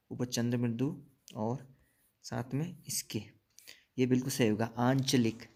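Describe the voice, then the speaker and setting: Mellow-voiced man teaching a spelling lesson. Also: medium pitch. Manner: explains slowly, repeats words and asks checking questions. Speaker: Hindi teacher. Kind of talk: exam-prep spelling lesson.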